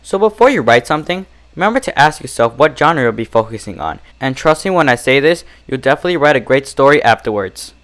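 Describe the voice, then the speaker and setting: A male channel host reads scripted fan fiction and reviews it, acting as both story narrator and reviewer. His pitch moves very lively, and he delivers each line deliberately and expressively.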